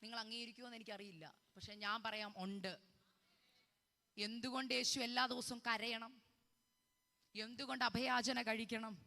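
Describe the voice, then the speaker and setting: A woman preacher delivers a fervent sermon in a high, very bright and cutting voice. She keeps calling out hallelujah and pressing her listeners with questions. Her voice carries a long, ringing hall reverb. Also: fairly even intonation, normal speed, vocal fry, long pauses. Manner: fervent, cries hallelujah, asks the crowd many questions.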